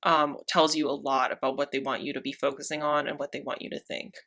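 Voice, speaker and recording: Young woman, podcast co-host, bright tone, wry, sarcastic, tipsy. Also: deep voice, little pitch movement, fast. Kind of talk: casual chat.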